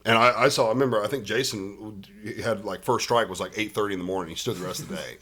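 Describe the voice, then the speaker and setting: A man's voice: fairly low pitch, quick pace, sharp tone. A man as a podcast guest, casually telling stories from his school days with dry remarks. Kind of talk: casual chat.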